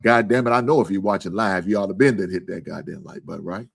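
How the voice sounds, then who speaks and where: A man's voice: sits low, fast, gravelly, slightly rough. A man hosting a live sports stream in casual, profane talk, earnest and repetitive.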